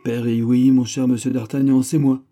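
A man's voice: fairly low pitch, normal speed, dark tone, natural voice. A man voicing an old male servant in an audiobook, with a weak, cracked voice, polite and patiently questioning. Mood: glad.

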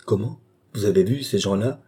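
A man voicing a blustering, cowardly gentleman in an audiobook, agitated and indignant, insisting he fears nothing. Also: lowish voice, normal speed, slightly rough. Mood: alarmed. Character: blustering, cowardly gentleman who claims no fear. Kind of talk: audiobook character voice.

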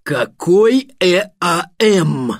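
A man voicing a weary, exasperated wizard who talks loudly and slowly. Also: sits high, sing-song, slightly rough, no echo, clean studio sound, voice pushed up, exaggerated voice. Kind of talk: audiobook character voice.

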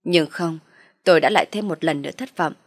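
A woman reading a first-person story aloud in a steady, rueful telling. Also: deep voice, brisk. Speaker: audio story reader.

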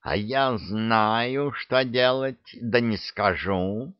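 A man voicing a sly, greedy talking male cat in a storybook reading, slow and haggling. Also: mid-range voice, smooth, no room sound, lo-fi sound. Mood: gloating. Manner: slow, sly, bargaining drawl.

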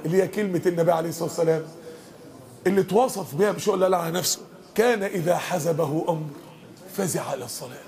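A man's voice: very high voice, gravelly. A man with an Egyptian accent giving an impassioned mosque lesson and speaking straight to his listeners. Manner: impassioned, addresses the crowd directly. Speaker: preacher.

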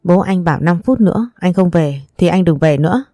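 A woman's voice: on the low side, expressive, brisk, warm tone, no echo, clean studio sound. A woman voicing a middle-aged mother who nags and scolds her son. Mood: scolding. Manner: nagging, scolding.

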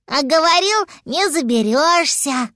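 A woman's voice: expressive, a little slow, sharp tone, no echo, studio quality, exaggerated voice. A woman doing a chirpy little boy dragon. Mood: gleeful. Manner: high, eager and chirpy. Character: excitable little boy dragon, cheerful and carefree.

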